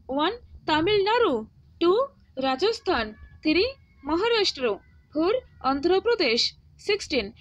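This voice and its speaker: An Indian woman who teaches history for exam prep runs an online class, reading quiz questions and answers and offering encouraging advice. Her high-pitched voice comes through a muffled recording, and her instructional style involves frequent repetition and short check-in questions.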